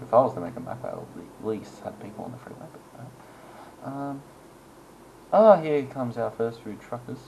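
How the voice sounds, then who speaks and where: A man's voice: lowish voice, darkish tone, a little hiss or hum, poor audio. A man giving casual, rambling gameplay commentary, chuckling and making self-deprecating asides as he goes. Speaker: gaming channel host.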